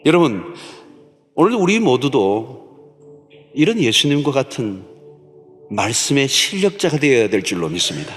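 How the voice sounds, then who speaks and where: A man's voice: mid-range voice, very animated, a little slow, pauses often, faint music behind. A man preaching a sermon as pastor, emphatic and repeating key words for stress. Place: large church sanctuary. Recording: long church hall reverb.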